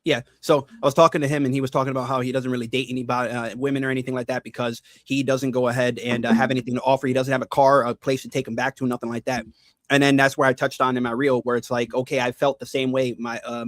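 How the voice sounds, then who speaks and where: A man's voice: mid-range voice, no room sound, studio quality. A man who is a guest and content creator, talking reflectively in a casual interview. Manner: reflective, measured.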